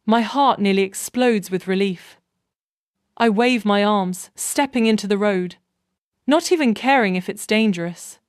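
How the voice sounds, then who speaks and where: A woman reading a scripted first-person story in a measured, even way. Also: medium pitch, clear, resonant tone, dry recording, studio quality.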